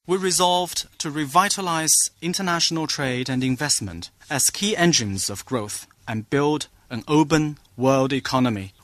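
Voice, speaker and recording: A man speaking as a live interpreter, delivering a formal statement in a measured way. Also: on the high side, fairly bright tone, no echo.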